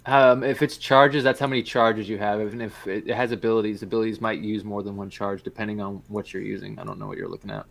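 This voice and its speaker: A man's voice: on the low side, fairly even intonation, fast, vocal fry, hardly any pauses, fairly bright tone. A man acting as game master, explaining and narrating a tabletop game in a casual, hesitant way.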